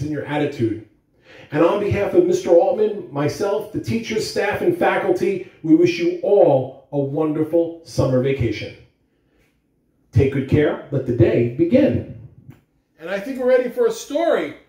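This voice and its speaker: A middle-aged man with a high, mellow voice reads morning announcements and a children's story aloud, speaking expressively to kids like a school announcer. He's recorded far from the mic in a roomy indoor living room.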